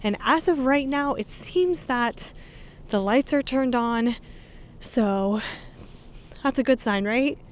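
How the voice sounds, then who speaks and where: A woman's voice: on the high side, slow pace, long pauses. A woman hosting a paranormal investigation vlog, talking casually with slight nervousness. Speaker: vlog host. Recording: noisy ambient background.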